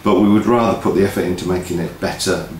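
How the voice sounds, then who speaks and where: Quick-paced and a little mellow, his deep voice stays steady as he co-hosts a relaxed announcement update for a music event promotion team. Roomy echo and noticeable noise fill the indoor office where it was recorded.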